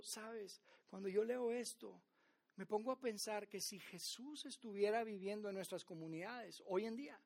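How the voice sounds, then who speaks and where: A male pastor, preaching a sermon and acting out the story's speakers, swinging between loud and hushed. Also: high-pitched, creaky. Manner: dramatic retelling, shifting between loud and hushed.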